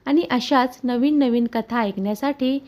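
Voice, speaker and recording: A woman calmly reading a moral story aloud in an earnest, steady storytelling voice. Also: a little high, moderate pace. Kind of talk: scripted story narration.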